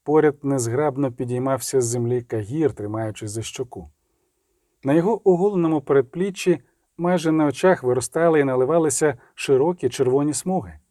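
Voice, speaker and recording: A man narrating a fantasy audiobook in a steady, dramatic storytelling manner. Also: medium pitch, no room sound, studio quality.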